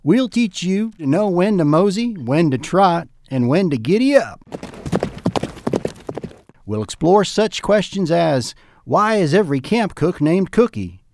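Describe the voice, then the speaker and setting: A man doing a mock commercial pitch in an exaggerated folksy cowboy manner. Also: sing-song, measured pace, a little mellow, a little hiss or hum. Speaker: comedy ad pitchman. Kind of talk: mock commercial, over-the-top cowboy drawl.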